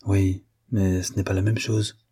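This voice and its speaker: A man voicing a quiet, melancholy young woman in a storybook reading, speaking softly and wistfully. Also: deep voice, level tone, a little slow, slightly rough, heavily acted. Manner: soft, wistful.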